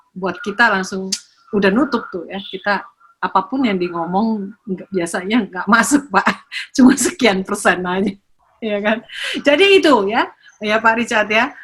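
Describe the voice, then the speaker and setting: Husky older woman giving a lively talk. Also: medium pitch. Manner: animated, teasing, asks audience questions. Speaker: parenting speaker.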